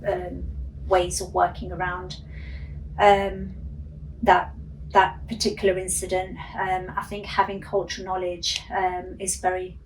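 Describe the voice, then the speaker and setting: A middle-aged policewoman whose first language is Urdu speaks earnestly in a radio interview, with many ums. Her voice is rather low, monotone, and a bit slow, picked up by a distant mic with faint noise.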